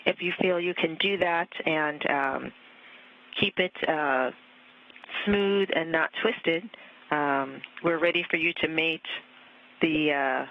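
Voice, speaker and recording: A man's voice: fairly high pitch, takes it slowly. Man giving instructions over radio. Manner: steady instructions with frequent fillers. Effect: heard over radio link. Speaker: mission control communicator. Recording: dull radio audio with faint static.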